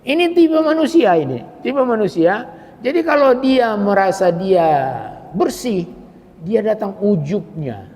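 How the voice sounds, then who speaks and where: Older man preaching a Quran lecture, high-pitched and lively, heard in a long-echoing hall. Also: unhurried. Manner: animated, repeats phrases for emphasis. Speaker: Islamic preacher.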